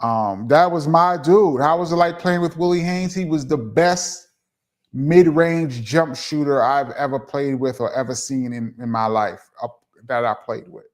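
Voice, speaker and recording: This live chat show host, a middle-aged Brooklyn native with a New York accent, answers viewers' questions in an easygoing, chatty style. He laughs a lot and often says um, speaking in an unhurried, mid-range voice.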